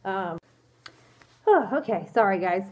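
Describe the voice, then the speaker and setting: Speaking slowly in an expressive, medium-pitched voice, a young woman in her fursuit responds to viewers' questions in a casual vlog. She's stuffed up with a cold, hesitant, apologetic and prone to ums. She films herself on a phone at arm's length in a small room, and the audio comes out dull.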